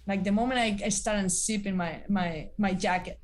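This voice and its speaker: A woman in her thirties, once a college athlete, tells stories as a guest in a casual interview. Her voice is medium-pitched, and she speaks haltingly with many fillers and restarts.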